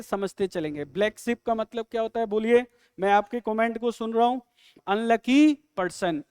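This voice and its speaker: A man teaching English in a live online exam-prep lesson, quizzing students with quick questions and jokes. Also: high voice, darkish tone, clear, resonant tone, no echo, studio quality.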